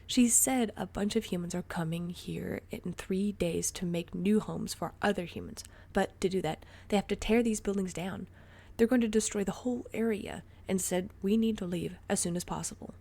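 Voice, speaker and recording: A woman voicing an excitable, defiant teenage boy borrower who talks loudly and breathlessly in a storybook reading. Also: mid-range voice, moderate pace, gravelly, hardly any pauses. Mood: urgent. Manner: loud, breathless and emphatic.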